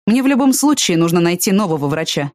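Woman voicing a calm protective young man. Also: on the low side, fast talker, no room sound, clean studio sound.

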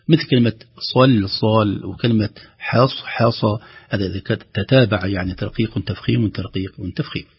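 A man teaching Quran recitation on a call-in program, patiently explaining the rules and reciting example words slowly. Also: on the low side, vocal fry, breathy edge, lo-fi sound.

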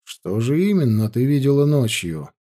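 A man's voice: mid-range voice, big pitch swings, warm tone. Man doing a cold young werewolf chieftain. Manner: cold, measured, evasive.

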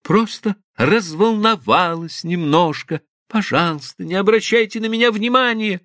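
A man's voice: high voice, moderate pace, fairly bright tone, dry recording, clean studio sound, voice pushed up. A man voicing a shy young female secretary, tearful and flustered, in a raised, breathless voice.

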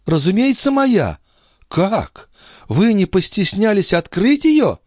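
Guy doing a high airy countess voice, bossy and mocking, swoopy, dry close sound. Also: very animated, slow, a little mellow, dry recording, full character voice. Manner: breezy, mocking, commanding. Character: haughty imperious noble countess, woman. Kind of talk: audiobook character voice.

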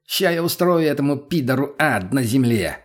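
A man's voice: medium pitch, lively intonation, moderate pace, pitched above the performer's own voice, lightly acted. Man doing a snarling, foul-mouthed junkie. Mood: mocking. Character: crude, hot-headed male junkie, menacing.

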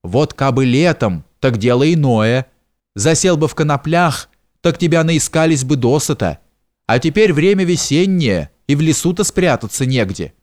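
A man voicing an old, kindly house steward who speaks in a homely folksy way, slow and soothing, in an audiobook. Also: on the high side, animated, darkish tone, lightly acted. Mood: fretting. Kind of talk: audiobook character reading.

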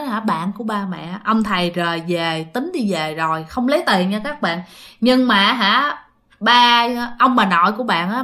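A woman's voice: medium pitch, sharp tone. A woman telling a ghost story, chatting directly to her listeners and acting out the quoted speech.

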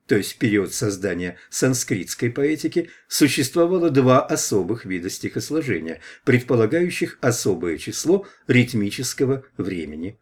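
A man reading a scholarly preface aloud as an audiobook, at a measured pace. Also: medium pitch, husky. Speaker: audiobook reader.

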